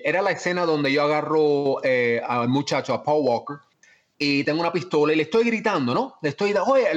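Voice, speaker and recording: Animated Cuban man, fairly high voice. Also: lo-fi sound. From Miami, United States. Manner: animated, emphatic storyteller. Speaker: actor guest. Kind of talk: casual anecdotal storytelling.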